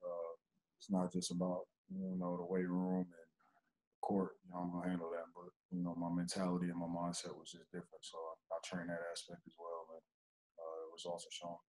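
Low flat-voiced young man on a video call. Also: fairly quick, low-quality recording. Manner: low-key, even, steady delivery. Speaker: basketball player at postgame press conference. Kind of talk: postgame interview answers. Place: indoor press backdrop, remote video call.

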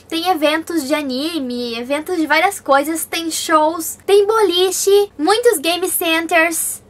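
Young woman, from Brazil, very high voice, chatty vlogger, reads out viewer questions, casual Q&A. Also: a bit bright. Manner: chatty, reads viewer comments aloud then answers. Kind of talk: casual Q&A vlog.

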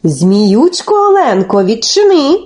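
A woman voicing greedy fairy-tale serpents in a low, gloating chant. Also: sing-song, slow pace, a little mellow. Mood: calling.

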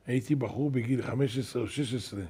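Older rabbi guy telling miracle tales at shul, gravelly and a bit husky, gets loud and lively. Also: mid-range voice. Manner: animated storyteller, acting out quoted shouts. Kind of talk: storytelling sermon. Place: synagogue.

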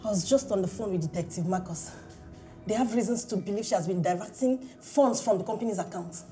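An actress playing a weary eldest sister who pleads and sounds tired. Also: female voice, medium pitch, fast, mellow, lightly acted. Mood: worried. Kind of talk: film drama acting. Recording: film audio with music underneath.

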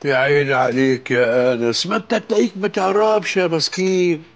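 A man's voice: on the high side, steady tone, brisk, dull audio, close to an everyday voice. An actor in his sixties playing a boastful older father, teasing and sarcastic in an Egyptian accent. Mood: mocking, triumphant. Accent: Egyptian Arabic.

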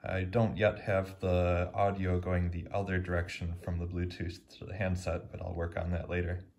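Over a wooden table at home, a hobbyist maker narrates a casual demo of his own electronics project, recorded on camera. He speaks plainly and matter-of-factly in a low, monotone voice at normal speed, with vocal fry and a slightly mellow quality.

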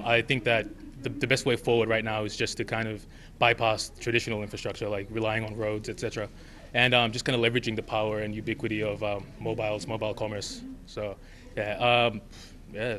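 Young man from Papua New Guinea, low flat voice, casual and hedging, handheld mic. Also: brisk. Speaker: competition entrant. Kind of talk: on-location interview. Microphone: handheld microphone.

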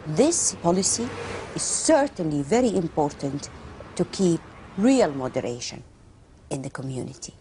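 A woman academic speaks deliberately and haltingly in a seated interview in a living room. Her voice is slightly low, picked up on a lapel mic, with faint noise behind it. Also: very animated, dark tone.

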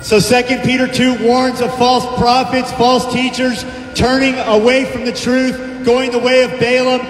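A middle-aged preacher, very high-voiced yet completely flat in delivery and measured in pace, emphatically declaims scripture with frequent praise in an outdoor park by palm trees. Heard through his handheld mic and loudspeaker from a distant camera, the sound is echoey with hall-like reverb and a little hiss or hum.

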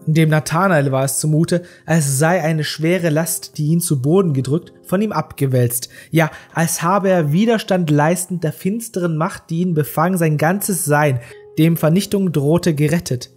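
Measured literary audiobook narrator. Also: medium pitch, soft background music. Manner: measured, expressive storytelling.

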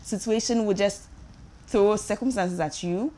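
A woman hosting a talk show, speaking in a reflective, measured way. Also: mid-range voice, warm tone. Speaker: radio host.

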